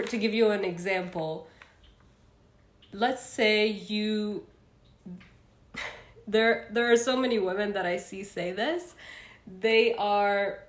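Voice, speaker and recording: A talkative young Egyptian woman hosts a casual self-help livestream, her voice at an ordinary middle pitch. She speaks loosely, with lots of fillers and restarts, and reads viewer comments aloud. The room gives the audio a noticeable echo.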